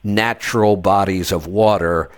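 A man with a somewhat low voice hosts a casual conversation. He tells long stories in an easygoing way, often restarting his sentences. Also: fairly even intonation, a little slow, clean tone. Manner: laid-back storytelling with frequent restarts. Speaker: host. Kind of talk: casual podcast chat.

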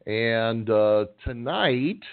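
Speaking extremely slowly, this middle-aged man has a medium-pitched, expressive voice with a clean tone and no echo. He co-hosts a trucking call-in radio show, chatting casually with rambling, folksy humor. The sound is dry and tinny, as if over a phone line.

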